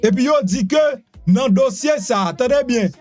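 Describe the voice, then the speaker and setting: A Haitian man with a Haitian accent giving animated immigration news commentary, repeating himself and asking rhetorical questions. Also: very high voice, a little slow, faint music behind. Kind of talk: news commentary mixing Creole, French and English.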